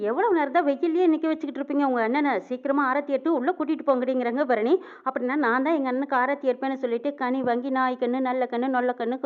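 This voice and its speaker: A woman's voice: high-pitched, narrow, tinny audio. A woman retelling a television serial, acting out the characters' lines in village dialect. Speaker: serial recap narrator. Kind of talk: fast storytelling recap, voicing characters' lines.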